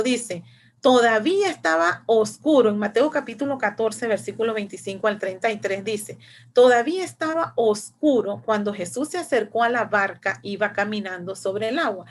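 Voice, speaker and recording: A woman with a Panamanian Spanish accent leads a Bible class, her voice sitting a little high. She retells scripture with lively emphasis, stopping now and then on a hesitant filler. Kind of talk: Bible study teaching.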